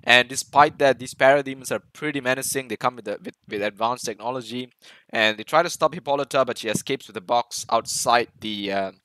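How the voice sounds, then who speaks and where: Man as an excitable film reviewer, bright, tense tone, dry close sound, restarts often. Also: mid-range voice, fairly quick, no echo, low-quality recording. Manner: enthusiastic, many fillers and restarts. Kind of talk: casual movie breakdown commentary.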